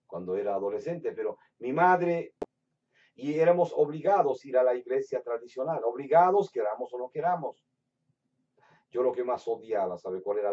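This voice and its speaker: A Latin American preacher, a man with a medium-pitched voice, delivers a sermon woven with personal testimony, alternating between loud, emphatic outbursts and quiet storytelling. The recording sounds distant and dull, with a lo-fi quality.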